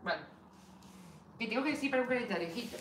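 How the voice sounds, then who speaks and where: A woman's voice: fairly high pitch, animated, racing. A woman from Spain chatting casually on a live stream, full of fillers and reading viewer comments aloud. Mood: cooing. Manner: coos baby talk at her dog. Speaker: beauty vlogger live streaming.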